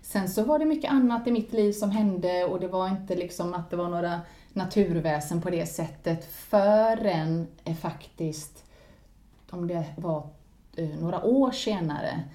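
A woman in casual spoken storytelling who laughs often and swings into lively exclamations. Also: fairly low pitch. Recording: roomy echo.

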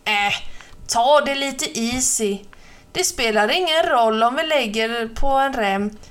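A woman voicing a calm, cocky boy who brushes off his friend's fear. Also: fairly high pitch, smooth, close to an everyday voice. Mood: laid-back cocky. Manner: laid-back, dismissive.

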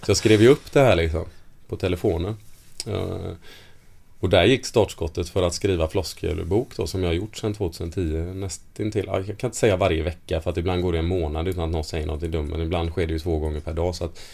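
Deep-voiced man telling laughing anecdotes. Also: gravelly. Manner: animated anecdotes, laughs often. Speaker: football player guest. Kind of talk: casual storytelling interview.

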